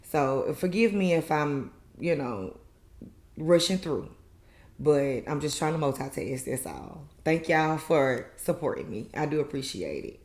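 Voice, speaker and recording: A woman's voice: low voice, darkish tone. A woman host giving a casual, chatty recap review of a reality show in a colloquial, filler-heavy way. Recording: echoey room.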